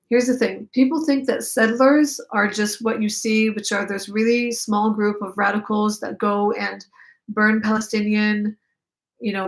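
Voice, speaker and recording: On a rough recording, a native Hebrew speaker with an Israeli accent and a gravelly, medium-pitched voice runs a casual live chat. The young woman chats away, reads viewer comments aloud, answers questions, and fills her speech with many fillers.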